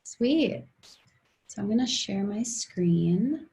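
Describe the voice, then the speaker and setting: A woman's voice: medium pitch, animated, slow, gravelly, warm tone. A young adult woman giving an upbeat, friendly webinar talk as a guest speaker, explaining things plainly. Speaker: guest speaker, outdoor gear designer. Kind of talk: webinar presentation.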